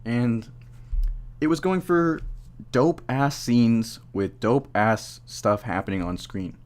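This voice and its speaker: A tipsy young man giving a casual, rambling movie review, halting, swearing freely and losing his train of thought. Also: medium pitch, a little mellow, slight background noise. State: drunk, tipsy. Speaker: amateur film reviewer.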